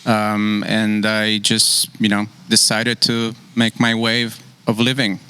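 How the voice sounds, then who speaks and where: Polish-accented man, clear and bright. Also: on the low side, monotone, slow. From Poland. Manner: brief, agreeable replies. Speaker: brewery co-founder guest. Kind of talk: interview answers.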